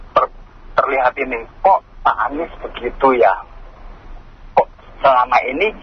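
A man's voice: mid-range voice, breathy edge, dull audio. A male radio caller giving his opinion, hesitant and full of fillers. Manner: hesitant, many fillers and pauses. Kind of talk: phone-in commentary.

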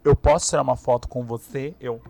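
Animated young Brazilian man telling stories. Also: mid-range voice, a little fast, creaky. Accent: Brazilian Portuguese. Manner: animated storyteller, laughs often, acts out quotes. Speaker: streamer guest. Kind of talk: casual podcast chat.

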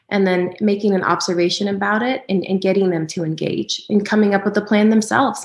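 A woman's voice: lowish voice, reverberant. A woman giving practical parenting advice in a conversational way, often saying "um" and "right?". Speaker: parenting guest speaker.

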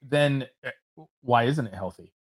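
A man's voice: mid-range voice, a little slow. A man co-hosting a podcast, chatting in a loose, amused way and often restarting his sentences. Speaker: podcast co-host. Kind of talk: casual podcast banter.

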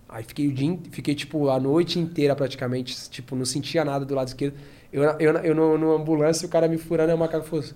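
A man, a podcast guest telling stories in a slangy, animated way. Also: a little high. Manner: slangy and animated, acts out his own past shouts. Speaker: podcast guest, professional fighter. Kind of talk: casual storytelling.

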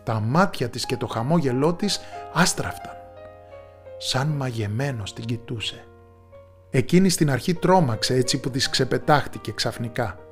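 A man tells a fairy tale at an unhurried storyteller's pace, his voice sitting in a middle register. In the hushed passages he drops low and soft. Faint music plays underneath. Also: expressive. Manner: measured storyteller's telling, dropping low in quiet moments.

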